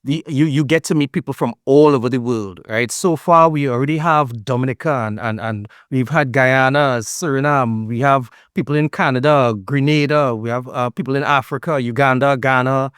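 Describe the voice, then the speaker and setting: A man's voice: mid-range voice, normal speed, few pauses, a bit bright, clean tone, no room sound, studio quality. Earnest man giving upbeat greetings. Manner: upbeat, earnest, repeats phrases for emphasis. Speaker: foundation director giving greetings. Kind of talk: motivational address to girls, online event.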